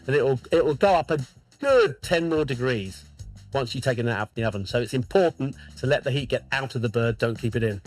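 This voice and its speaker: A man's voice: medium pitch, a little fast, no echo, soft background music. A man who sells turkeys gives firm, instructive cooking advice as an interview guest.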